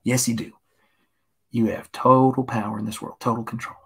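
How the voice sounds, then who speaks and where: A man from Tennessee giving a gentle, encouraging painting lesson on a live stream, often dropping to a hushed whisper. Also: mid-range voice, flat delivery, moderate pace, slightly rough. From Tennessee, USA. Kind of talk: soothing painting-show patter, live stream.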